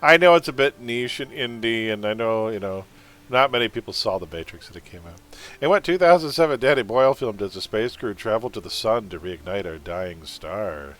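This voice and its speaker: A man's voice: fairly low pitch, animated, brisk, a bit bright. A man hosting a trivia quiz on a livestream, reading questions and making sarcastic jokes between them.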